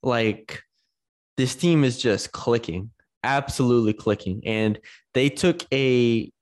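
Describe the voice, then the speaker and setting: A man's voice: medium pitch, slow pace. A man co-hosting a casual sports podcast, talking enthusiastically with frequent fillers and restarts. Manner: enthusiastic, conversational, many fillers.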